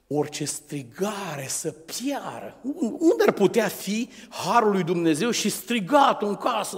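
A middle-aged man with a Romanian accent, a pastor delivering a sermon with emphatic exclamations and hushed storytelling. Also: a little high, in a large hall.

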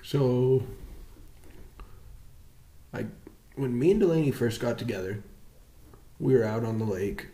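Animated young man, echoey room. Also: mid-range voice, unhurried, pauses often. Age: 20s. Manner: animated, swears a lot, gets loud and laughs while telling stories. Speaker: podcast co-host. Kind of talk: casual chat.

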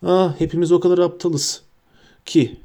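A man's voice: high voice, fairly even intonation, moderate pace, dark tone, pitched above the performer's own voice. A man voicing an arrogant, spoiled rich schoolboy who talks in a mocking, sarcastic way.

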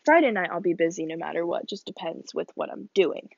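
A woman's voice: lowish voice, expressive, fairly quick, creaky, no echo, dull audio. A teenage woman hosting a casual solo podcast, chatty and rambling, sniffling and laughing as she talks. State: sniffly, coughing. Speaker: podcast host. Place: small bedroom.

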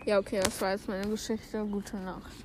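A woman's voice: mid-range voice, little pitch movement, moderate pace, noisy background. A young woman chatting casually, telling a rambling story full of youth slang fillers. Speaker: podcast co-host. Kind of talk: casual chat among friends.

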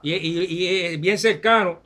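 A man with a Puerto Rican accent, co-hosting a casual comic chat show and telling animated stories with frequent laughs. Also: sits high, a little slow. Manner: animated storyteller, laughs often. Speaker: co-host.

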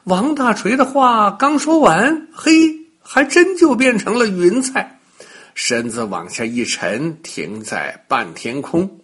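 An older man narrating a bedtime story for children in a lively, playful way, talking to the kids directly. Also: high-pitched, takes it slowly, breathy edge.

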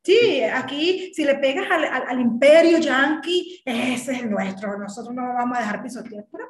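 A woman's voice: high-pitched, animated, normal speed, reverberant. A woman talking politics in an emphatic, indignant way. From Venezuela. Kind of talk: casual political talk.

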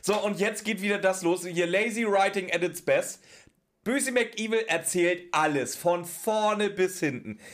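High-voiced man, incredulous. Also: a little slow, a bit bright. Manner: incredulous, mocking commentary. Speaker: podcast co-host. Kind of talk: casual chat reviewing a radio play.

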